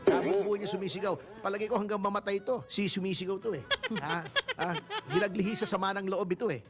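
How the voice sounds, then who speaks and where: A man's voice: high-pitched, fast, faint music behind. A male lawyer as a guest in a casual interview, talking bluntly and mockingly and laughing as he speaks.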